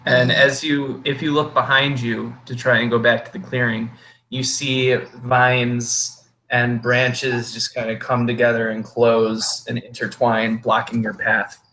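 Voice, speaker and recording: A man narrating a tabletop game as game master, improvising in a halting way. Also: medium pitch, flat delivery, bright, forceful tone, a little hiss or hum, rough recording.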